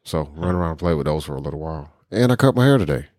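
Deep-voiced laid-back man chatting. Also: animated, very fast, a little mellow, no echo, studio quality. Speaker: podcast co-host. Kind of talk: casual chat.

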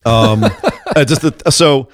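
A man co-hosting a podcast, talking in a casual, animated way about wrestling and laughing easily. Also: medium pitch, slow, dry recording, studio quality. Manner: animated, excitable, breaks into laughs. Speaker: podcast co-host.

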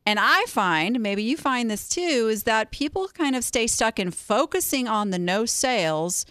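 A woman hosting a casual interview chat, animated and given to sarcastic asides. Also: a little high, unhurried, no echo, clean studio sound. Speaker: podcast host.

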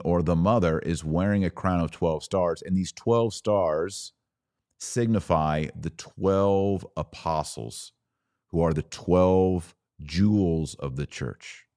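A podcast host with a low, slightly mellow voice explains scripture slowly and didactically on a religious podcast. He stresses his points emphatically, drawing out key words and asking rhetorical questions, in a clean, studio-quality recording with no echo.

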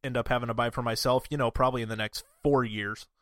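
A man's voice: mid-range voice, steady tone, fast, fairly bright tone, no room sound, studio quality. A man co-hosting a podcast, chatting easygoing about tech gear. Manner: easygoing, nerdy tech talk. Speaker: podcast co-host. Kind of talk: casual chat.

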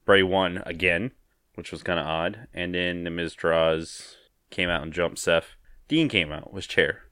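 A man with a deep voice chats in an easygoing way, agreeing readily and laughing easily. He is recorded dry and close to the mic. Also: fairly even intonation, measured pace, sharp tone, clean tone, dry recording. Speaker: podcast co-host. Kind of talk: casual wrestling chat.

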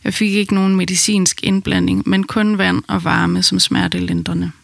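A woman calmly narrating her own birth story in the first person, in an intimate storytelling manner. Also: mid-range voice, vocal fry, no room sound.

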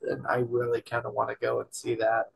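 A man from Utah co-hosting a podcast, speaking in a flat, husky voice with a gravelly grain. He answers casually with short, easygoing replies. The sound is dry and close. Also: mid-range voice, brisk, no echo, rough recording. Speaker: podcast co-host. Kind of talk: casual chat.

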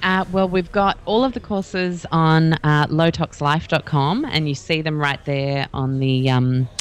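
A man's voice: on the high side, steady tone, a little slow, clean tone. A man being interviewed as a guest about wellness courses, talking in a chatty, rambling way with many fillers. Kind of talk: casual podcast interview.

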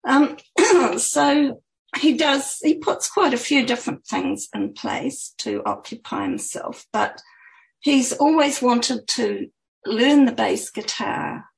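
A woman's voice: a little high, very animated, takes it slowly, gravelly, low-quality recording. A woman author talking about her book and reading from it in a chatty, hesitant way. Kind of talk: interview answers and reading aloud.

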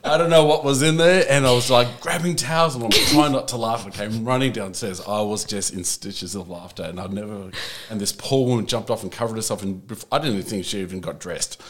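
A man's voice: on the low side, brisk, fairly bright tone. A man telling a story in casual chat, hesitant and full of fillers, laughing at times.

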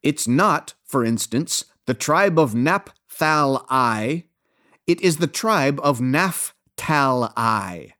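Fussy little pedant lecturing solemnly, as a male narrator puts him on, lively intonation. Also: on the high side, a little slow. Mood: pedantic. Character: earnest, fussy little man lecturing on ritual.

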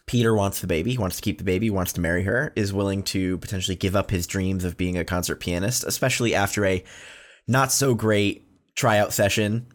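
A man co-hosting a casual film podcast, recapping the plot in a relaxed way. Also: low-pitched, a little fast. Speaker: podcast co-host.

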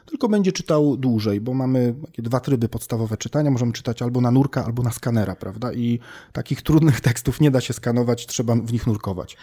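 A man, a language researcher, explaining his work in a relaxed conversation with homely examples and frequent thinking-aloud fillers. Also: mid-range voice, a little fast, breathy edge. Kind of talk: casual expert conversation.

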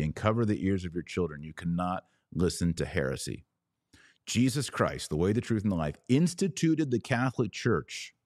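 On a live religious podcast, a man with a low voice and an American accent fields questions from viewers in a slightly mellow tone. His teacherly delivery is emphatic and didactic, making each point explicit, in a very dry acoustic with no room sound.

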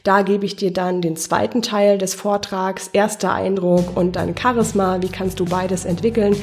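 A woman's voice: mid-range voice, fairly even intonation, normal speed, a little mellow, soft background music. A woman working as a voice coach, presenting a podcast lesson in an encouraging, explanatory way and speaking straight to the listener with guiding questions. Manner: encouraging, addresses the listener directly.

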